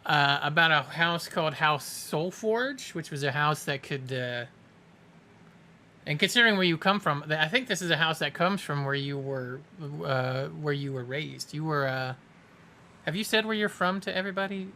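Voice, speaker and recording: A man runs a tabletop role-playing session as game master. His voice sits a little high and has a crisp, bright edge. He moves between narration and offhand chat with players, often correcting himself. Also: moderate pace.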